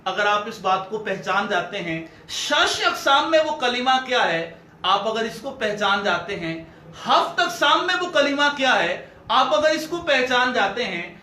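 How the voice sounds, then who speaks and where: A man lectures students in a very high, bright voice, walking them through grammar point by point. The recording sounds echoey, with a faint hum behind him. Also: very animated. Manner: explanatory, addresses students directly. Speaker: teacher of Arabic grammar. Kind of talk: online class lecture.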